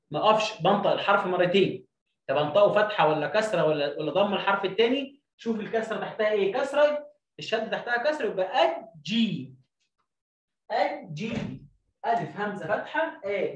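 A man with an Egyptian accent teaching children to read, stretching syllables out slowly and then explaining in quick bursts. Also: high-pitched, roomy sound, recorded from a distance, lo-fi sound. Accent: Egyptian Arabic. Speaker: reading teacher. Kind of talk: children's reading lesson.

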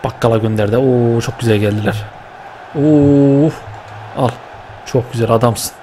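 A young man giving lively, excitable commentary while playing a football video game, cheering and scolding his players with slang. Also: medium pitch, measured pace, noisy background. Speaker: gaming YouTuber.

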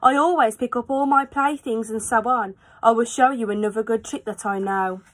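A woman's voice: a little high, fairly even intonation, normal speed, close to an everyday voice. A woman voicing a playful, self-assured trickster cat from a storybook in a showy manner. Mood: reassuring.

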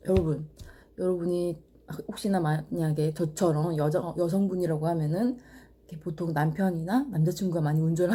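A woman vlogger talking casually to her viewers, blunt and animated, swearing freely. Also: lowish voice, husky.

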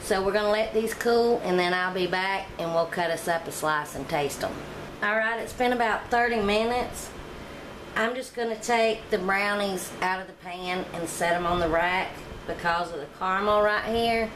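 A home cooking vlogger bakes in her own kitchen, chatting with viewers in a casual, homey way as she works. Her voice is mid-range and her speed normal, and the kitchen sounds echoey, with background noise.

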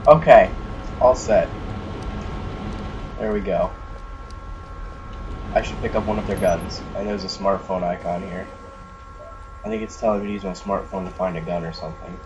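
A man's voice: low voice, fairly even intonation, fairly quick, long pauses, dull audio. Nasal man swearing through game commentary. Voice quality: nasal from allergies. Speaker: gameplay commentator. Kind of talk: casual let's play commentary. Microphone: headset. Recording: bad headset mic with clear noise.

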